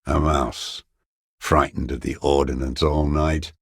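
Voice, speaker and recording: A broken old communist deserter for a video game. His voice is extremely low and husky, thick with gravel. He speaks gravely and haltingly, bitter and defiant, mourning as he goes. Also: little pitch movement, dry recording, clean studio sound, exaggerated voice. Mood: haunted, grave. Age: older. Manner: slow, halting, grave, rhetorical. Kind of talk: dramatic monologue, game voice acting.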